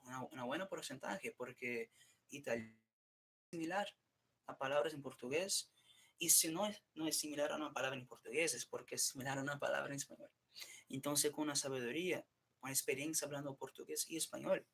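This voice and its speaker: In a bit-bright, medium-pitched voice, this man streams a loose, profane monologue to himself, cutting off and restarting his sentences and moving back and forth between English and Spanish.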